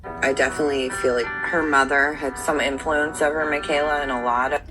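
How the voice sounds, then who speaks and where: A woman's voice: sits low, steady tone, a little fast, fairly bright tone, rough recording. A woman speaking in a reality TV interview style, played back from a television show. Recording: TV show playback with music underneath.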